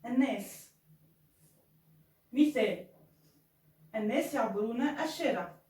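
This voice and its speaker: A woman teaching Spanish in an online lesson, saying Spanish phrases slowly and clearly between quicker explanations. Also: a little high, animated, a little mellow, reverberant, recorded from a distance, low-quality recording.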